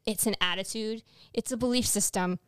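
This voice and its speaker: A woman co-hosting a podcast, talking in a loose, animated way that doubles back and restarts often. Her voice is smooth and clear. The sound is dry and close, at a middle pitch. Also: fairly quick, no echo. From Latin America. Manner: animated, rambling, frequent restarts. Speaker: podcast co-host. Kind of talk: casual political chat.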